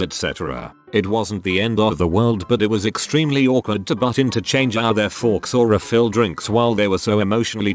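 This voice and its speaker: Low-voiced man reading forum stories. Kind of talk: scripted narration. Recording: faint music underneath.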